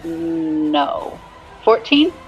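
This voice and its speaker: A woman's voice: low-pitched, sing-song, extremely slow. A woman playing a tabletop game, chatting casually and thinking aloud in a hesitant way. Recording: dull lo-fi audio, faint music.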